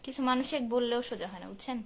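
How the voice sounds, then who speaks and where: This Bangladeshi woman, from Santahar in the country's north, runs a live stream where she reads and responds to viewer comments in a chatty, casual way. She talks quickly, with a fairly high pitch.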